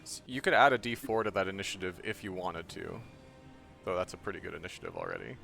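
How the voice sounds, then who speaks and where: Brief: low, gravelly male player, stops mid-word and restarts, music behind. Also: expressive, quick pace, sharp tone. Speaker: tabletop game player. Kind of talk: casual chat over a voice call.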